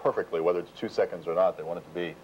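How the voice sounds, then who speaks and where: A male news anchor talks in a live, conversational news style from a studio. His voice sits a bit low. The taped sound is dull, with faint noise. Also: fairly even intonation, racing. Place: TV newsroom studio. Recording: dull, faintly noisy TV tape.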